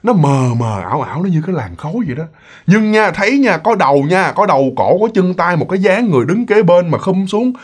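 A man telling a ghost story casually, animated and full of exclamations and fillers. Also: high voice, a little fast, husky.

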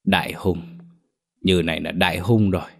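A smug old village shaman in a ghost story, pompous and drawling, pausing on little ums as he pronounces doom, put on by a male narrator. His voice sits very low and deep. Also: steady tone, vocal fry. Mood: grave. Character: sly self-important old male shaman. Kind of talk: storybook character voice.

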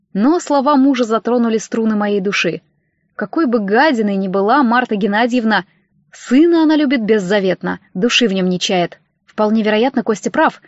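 A woman narrating an audiobook in the first person with an expressive reading, on a dull, dry recording. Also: a little high, no room sound.

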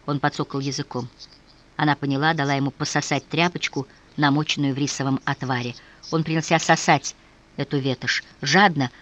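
A steady audiobook narrator with a mid-range voice. The reading is measured and calm, going quiet and low in the darker stretches. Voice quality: even, measured reading, dropping low and soft in grim passages. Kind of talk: scripted narration.

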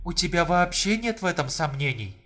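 A man's voice: on the high side, sing-song, a little fast, fairly bright tone, pitched above the performer's own voice. A male audiobook reader voicing an anxious, insistent adult woman in a pleading manner. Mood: urgent. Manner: pleading, insistent, rising in alarm. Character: distressed determined adult woman. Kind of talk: audiobook reading.

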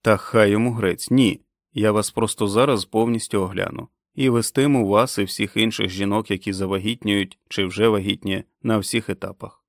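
A man playing a calm, kindly doctor who speaks in a measured, reassuring way. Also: on the low side, dry recording, clean studio sound, close to an everyday voice.

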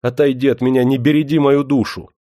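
A man's voice: mid-range voice, normal speed, darkish tone, no echo, studio quality, voice pushed up, lightly acted. A man voicing a timid young male serf musician who speaks meekly and pleads. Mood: desperate. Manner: meek and pleading.

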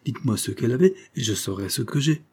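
A man reading aloud, voicing a girl of nearly twelve who speaks calmly, seriously and with odd formality, in a dark, husky voice. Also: mid-range voice, quick pace. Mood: grave. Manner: calm, serious, oddly formal for a child.

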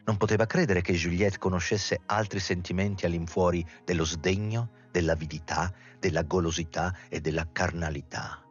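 A man reading a novel aloud in a measured, dramatic storytelling manner with a husky voice. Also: low-pitched, fairly even intonation, lo-fi sound, soft background music. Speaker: reader. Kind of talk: literary audiobook reading.

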